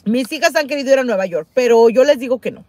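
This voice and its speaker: A middle-aged woman talks fast on a casual couponing livestream, with no room sound. Animated, she reads comments from viewers aloud and exclaims with lots of repetition, her voice swinging high and loud.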